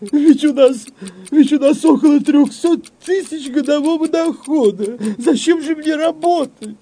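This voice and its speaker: A man voicing a meek, tearful young countess in a high wailing falsetto in a read-aloud comic story. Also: measured pace, warm tone. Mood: pleading, tearful.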